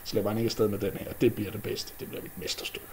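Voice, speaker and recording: A man voicing a stubborn, vengeful male dwarf smith in a storybook, who talks gruffly and sometimes in a hush. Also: medium pitch, very animated, slight background noise. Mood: grim.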